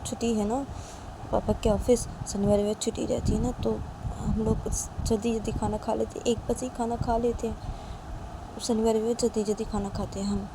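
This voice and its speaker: A soft-spoken young woman, as a woman storyteller puts her on, quiet and coaxing. Traffic hiss sits behind it in a noisy recording. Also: a little high, little pitch movement, normal speed, natural voice.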